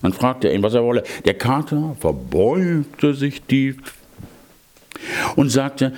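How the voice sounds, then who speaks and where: Slow, lively-voiced older storyteller man. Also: mid-range voice. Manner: slow, gently animated storytelling with asides. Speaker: grandfather reading fairy tales. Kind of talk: fairy-tale storytelling.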